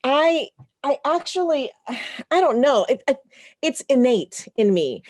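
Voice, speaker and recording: A woman broadcaster speaks as a podcast guest in an earnest, animated voice that sits a little high. Her stories come in a heartfelt, conversational flow and she laughs easily. The recording is dry and close, with no room sound. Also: takes it slowly, no room sound.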